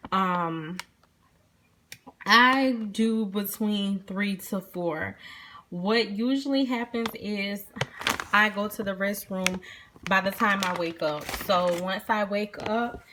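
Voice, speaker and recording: A woman's voice: mid-range voice, a bit bright. A young adult woman casually reviewing a product she uses, rambling with many ums and restarts, recorded on her phone.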